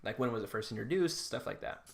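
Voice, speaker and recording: Fast-talking and animated, this medium-pitched man co-hosts a podcast, trading casual banter with friends in an easygoing, self-deprecating way.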